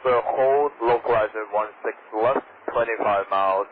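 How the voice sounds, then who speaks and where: A man's voice: lowish voice, moderate pace. A man speaking as an airline pilot, giving clipped readbacks over the radio. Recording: crackly narrow-band cockpit radio transmission.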